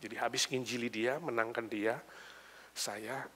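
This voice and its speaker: An older male pastor preaching a sermon, telling a story and swinging between loud emphatic lines and hushed, almost whispered ones. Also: mid-range voice, fairly even intonation, measured pace, a little hiss or hum.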